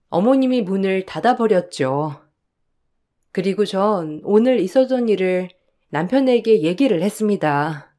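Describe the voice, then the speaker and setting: A woman narrating a listener's story in a soft, confiding way, as the channel's reader. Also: mid-range voice.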